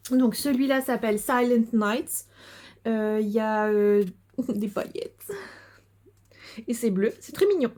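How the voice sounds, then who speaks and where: A chatty woman with a fairly high voice talks casually about her crafts. She hesitates often, filling gaps with little sounds, and breaks into giggles now and then. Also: a little mellow. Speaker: knitting and sewing podcaster. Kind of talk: casual video chat showing crafts.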